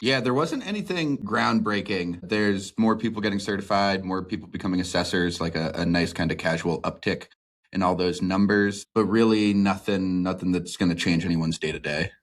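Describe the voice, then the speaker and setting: A man co-hosts a podcast and answers in a dry, matter-of-fact way. His voice sits very low and deep. The delivery is plain, casual and businesslike. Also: normal speed. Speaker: cybersecurity director, podcast co-host. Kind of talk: casual chat.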